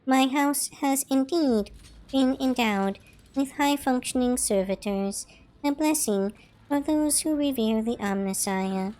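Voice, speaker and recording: A woman voicing a cold, mechanically augmented noblewoman from a game, speaking in a formal, measured way. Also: high-pitched, a little mellow.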